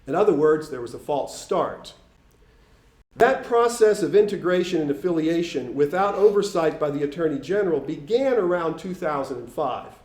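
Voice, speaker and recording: A man with a Boston accent giving a formal, prepared statement at a public forum, reading out numbered points deliberately. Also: on the high side, animated, darkish tone. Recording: echoey room.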